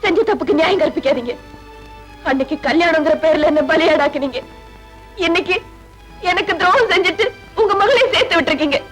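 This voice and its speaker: A woman's voice: very high-pitched, lively intonation, a little fast, fairly bright tone, low-quality recording. An actress playing a betrayed young wife who accuses her husband through tears, in 1980s Tamil film acting. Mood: accusing. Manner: tearful, accusing. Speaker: wronged wife. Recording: film soundtrack with music behind.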